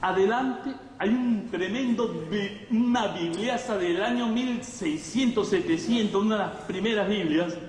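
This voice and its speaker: Here the man's voice runs high yet has a darkish tone. He preaches emphatically and conversationally in a Latin American Spanish accent, echoing his own phrases and asking the congregation rhetorical questions. The recording is distant and echoey, with faint noise.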